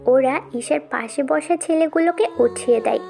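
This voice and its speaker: High-voiced woman narrating an audio story. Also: moderate pace, creaky, soft background music. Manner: steady, storytelling.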